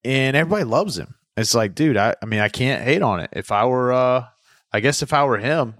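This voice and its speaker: A man's voice: mid-range voice, expressive, fairly quick, fairly bright tone, no room sound, studio quality. A man co-hosting a podcast in loose, joking casual chat, swearing freely.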